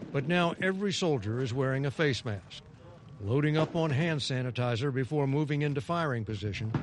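American male correspondent over clear noise. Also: medium pitch. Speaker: news correspondent. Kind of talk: scripted broadcast report narration.

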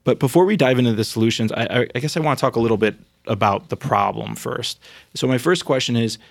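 A man's voice: mid-range voice, fast, gravelly, dry recording. A man hosting a podcast interview, asking questions in a conversational way with fillers. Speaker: podcast host.

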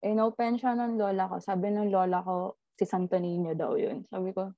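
A woman telling a ghost story in casual chat, animated and laughing often as she tells it. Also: mid-range voice, normal speed, no echo. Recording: slightly dull lo-fi audio.

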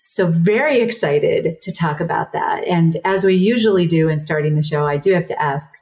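A woman's voice: on the low side, darkish tone. A woman from the United States hosting a podcast, introducing and chatting casually with a guest. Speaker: podcast host.

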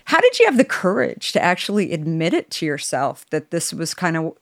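A podcast host poses a thoughtful question to the guest. The sound is dry and close, with a middling pitch. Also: wildly swooping pitch, a little fast, a bit bright, dry recording. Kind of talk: interview questions and backchannel.

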